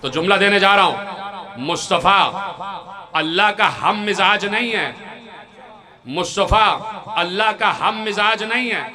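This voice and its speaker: A man's voice: high-pitched, measured pace, pauses often. A man with a Pakistani Urdu accent preaching a sermon to a gathering, emphatic and repetitive, calling on the audience to answer. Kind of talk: religious sermon to a crowd. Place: outdoor gathering with a crowd. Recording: crowd noise behind a public-address voice. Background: crowd.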